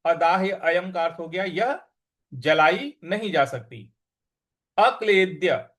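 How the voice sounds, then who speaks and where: A man teaching Sanskrit recitation, chanting verses slowly and drawn out, then explaining patiently and briskly. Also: high-pitched, fairly bright tone. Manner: patient, instructive. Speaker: scripture teacher.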